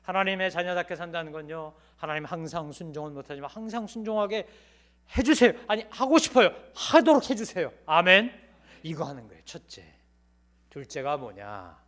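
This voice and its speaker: A middle-aged man preaching a Sunday sermon in a church, telling personal stories and swinging from loud pleading to hushed asides. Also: a little high, lively intonation, brisk. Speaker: pastor. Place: church sanctuary.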